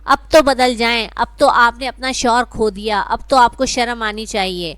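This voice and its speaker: A woman's voice: fairly high pitch, steady tone, fairly bright tone, dry recording, natural voice. A woman voicing a coldly angry man. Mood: cold anger. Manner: cold, reproachful. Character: cold angry man, rebuking an elder.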